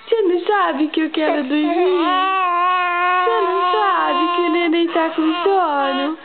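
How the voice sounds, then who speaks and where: A woman's voice: very high-pitched, unhurried, very noisy. A woman voicing her sleepy, grumpy baby boy, complaining in a whiny, tearful sing-song. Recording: tinny phone-like audio with loud music.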